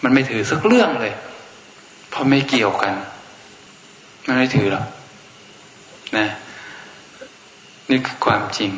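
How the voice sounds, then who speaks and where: A Buddhist monk gives an informal Dharma talk in frank, everyday speech, blunt and outspoken. His voice is medium in pitch with a fairly bright tone, recorded in an echoey room with faint noise.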